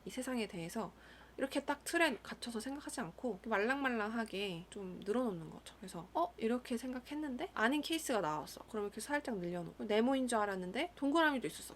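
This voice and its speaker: A young adult woman, a school counselor, speaking in a calm, thoughtful monologue with occasional soft whispered asides. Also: mid-range voice, a little hiss or hum. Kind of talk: reflective solo monologue.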